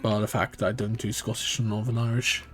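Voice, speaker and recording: A man's voice: lowish voice, little pitch movement, a little fast, a bit bright, soft background music. A man with a British accent that drifts between regions, chatting and thinking aloud while he streams a live speedrun. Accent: British, shifting between regions. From Britain. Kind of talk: live-stream gameplay commentary.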